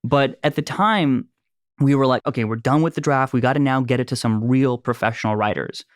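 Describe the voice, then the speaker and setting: An animated filmmaker and producer in his thirties from Los Angeles tells stories about his early filmmaking days in a resonant, smooth, medium-pitched voice. He talks fairly quickly, laughs easily, and keeps the casual conversation light. The sound is close and dry.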